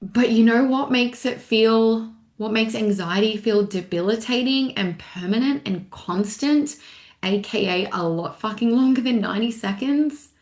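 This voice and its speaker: A young adult woman coaching in a casual, animated way, with lots of fillers like "like" and "right". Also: a little high, measured pace. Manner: casual, filler-heavy with frequent "like", animated retelling. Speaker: mindset coach. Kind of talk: motivational talk. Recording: echoey room.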